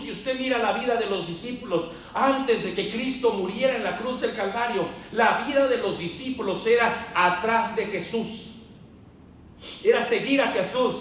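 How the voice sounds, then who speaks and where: A man, a pastor, preaching a sermon with fervor, building up to shouts as he drives his point home. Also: very high voice, a little hiss or hum. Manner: fervent preaching that rises to shouts. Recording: very echoey church hall, mic far off.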